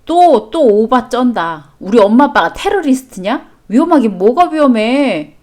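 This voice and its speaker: Young husband, defensive, sneering, woman reader, slightly high voice. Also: big pitch swings, unhurried, a little mellow.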